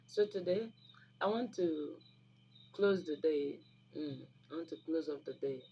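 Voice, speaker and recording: Speaking at a measured pace in a deep, warm voice, a woman hosts an online video on herbal remedies. She has a Nigerian Igbo accent and speaks Igbo natively, giving an informal, instructive talk to camera that is emphatic and preachy, with repeated phrases for stress. The sound is lo-fi, with noticeable background noise.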